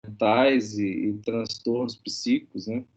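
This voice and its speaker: A man's voice: lowish voice, fairly even intonation, slow. Man on a choppy, breaking-up video call. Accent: Brazilian Portuguese. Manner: casual, agreeing, checks if heard. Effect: choppy video call audio breaking up. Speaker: professor. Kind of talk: online class discussion. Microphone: computer mic on a video call. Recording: dull lo-fi call audio, cutting out.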